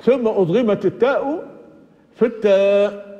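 An older man with a high but mellow voice teaches grammar to a class, patient and methodical, asking his own questions and answering them. The lo-fi recording is dull and muffled. His words ring on in a long hall reverb. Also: normal speed. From Libya. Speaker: sheikh teaching Quranic exegesis.

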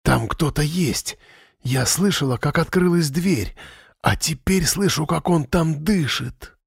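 A man voicing a frightened schoolgirl speaking quietly. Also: a little high, slow, creaky, breathy edge, no room sound, clean studio sound, exaggerated voice. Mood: fearful. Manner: quiet, hushed.

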